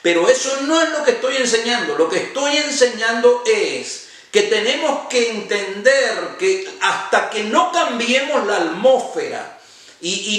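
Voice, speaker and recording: A man's voice: extremely high pitch, fairly bright tone. A man, a pastor, preaching a sermon emphatically and stretching out stressed words. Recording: very echoey, from far off.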